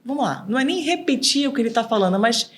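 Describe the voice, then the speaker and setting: A middle-aged woman mediator chatting as a podcast guest, animated and acting out quoted dialogue. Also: on the high side, fast talker. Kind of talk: casual podcast interview.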